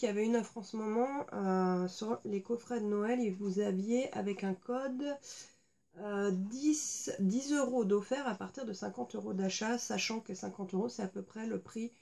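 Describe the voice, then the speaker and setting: Chatty woman with a gravelly, mellow voice. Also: mid-range voice. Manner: chatty, many fillers, hesitant. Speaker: beauty vlogger. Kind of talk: casual unboxing chat. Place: indoors at home.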